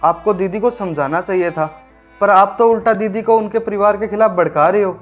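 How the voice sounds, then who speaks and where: A level-headed son, played by a man in a home-made family skit, calmly reasoning with his mother. His voice sits fairly high and sounds a bit muffled. Light background music plays. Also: a little fast, close to an everyday voice. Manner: calm, reasoning. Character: reasonable grown son and husband. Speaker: channel host. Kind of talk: amateur family drama acting.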